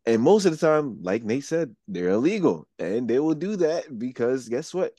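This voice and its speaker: Casting: male podcast co-host, mid-pitched, blunt and profane, argues the other side, dry close mic. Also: sing-song, moderate pace, mellow, dry recording. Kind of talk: casual chat.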